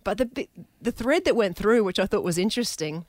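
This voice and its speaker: A woman's voice: mid-range voice, animated, a little fast, no echo. A woman, co-hosting a casual radio chat, talking in a chatty way that trails off and restarts. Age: 40s. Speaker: radio co-host.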